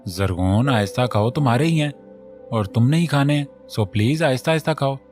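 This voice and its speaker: A man voicing a serious, protective young husband who speaks in a grave, measured way. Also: medium pitch, animated, darkish tone, faint music behind, lightly acted.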